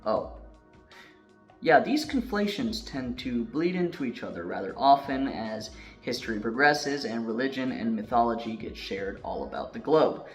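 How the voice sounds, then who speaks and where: A man narrating a video in a casual scripted style, chatty, with joking asides, and a voice that is going a little hoarse. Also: mid-range voice, animated, moderate pace, soft background music. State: losing his voice. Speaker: YouTube narrator.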